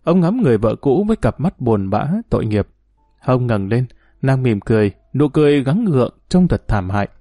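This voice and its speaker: Mellow male audiobook narrator. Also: medium pitch, big pitch swings, moderate pace, dry recording, studio quality.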